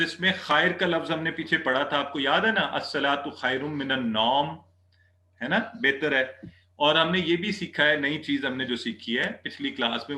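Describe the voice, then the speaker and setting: A man teaching an Arabic class, patiently repeating words slowly for students to drill. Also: on the high side, sharp tone, echoey room. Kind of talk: online class lesson.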